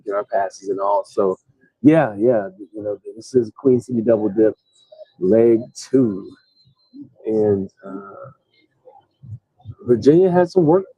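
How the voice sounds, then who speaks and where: Weary, rambling sports stream host. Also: male voice, on the low side, breathy edge, no room sound. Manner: rambling, many restarts and fillers. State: tired. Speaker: host reading live chat. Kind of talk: casual live-stream sports chat. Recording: dull, lo-fi sound.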